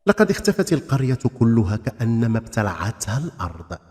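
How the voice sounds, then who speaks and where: Deep, dramatic male storyteller with long reverb. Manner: theatrical, expressive, literary delivery. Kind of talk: dramatic scripted folk tale narration in formal Arabic. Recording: long reverb, music bed.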